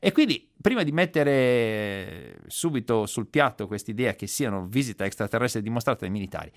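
Male host, animated and ironic explainer, dry close sound. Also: mid-range voice, gravelly, no room sound. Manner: lively, ironic explainer who breaks into laughter. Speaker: radio show host. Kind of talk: casual explanatory chat.

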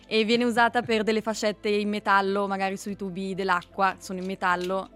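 A woman's voice: medium pitch, little pitch movement, brisk, a bit bright. A woman, a car mechanic, explaining things casually as an interview guest. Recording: music playing behind the voice.

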